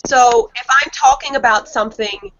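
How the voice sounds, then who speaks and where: A woman speaking as a guest on an online panel, explaining her points in a measured way with frequent ums. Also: on the high side, a bit bright, a little hiss or hum. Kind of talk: casual panel discussion. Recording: lo-fi online call audio.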